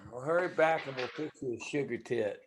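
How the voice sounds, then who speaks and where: An actor playing a gruff, domineering gambler who barks curt orders in a stage play. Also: male voice, medium pitch, a little fast, lightly acted. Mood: impatient. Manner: curt, barking orders at the card table. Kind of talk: stage play acting over a remote reading. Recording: noisy home recording.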